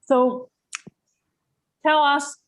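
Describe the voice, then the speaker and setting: A woman's voice: high-pitched, flat delivery, extremely slow. A woman hosting a casual live online cooking class, enthusiastic and chatty as she tastes the food. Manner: enthusiastic, talks while tasting food. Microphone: video call.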